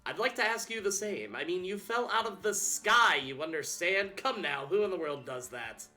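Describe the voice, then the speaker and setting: A man reading the lines of a chatty, old-fashioned male professor in a quick, fussy, questioning way. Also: high voice, animated, pushed and bright, soft background music, pitched above the performer's own voice, exaggerated voice. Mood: curious.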